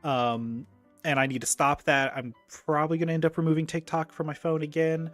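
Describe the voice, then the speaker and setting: A man's voice: fairly high pitch, little pitch movement, brisk, fairly bright tone, soft background music. Rambling, casually swearing man hosting a chat. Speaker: host.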